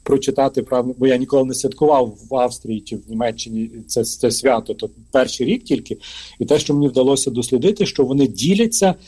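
Ukrainian-born male priest, mellow husky voice, halting interview talk full of fillers. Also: mid-range voice. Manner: hesitant, frequent filler sounds and restarts. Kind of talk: conversational interview answer.

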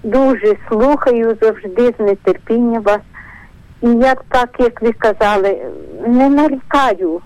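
A woman's voice: fairly high pitch, measured pace, darkish tone, dry recording, poor audio. An older woman calling in to a radio show by phone and speaking in a heartfelt, grateful way. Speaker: caller. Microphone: telephone.

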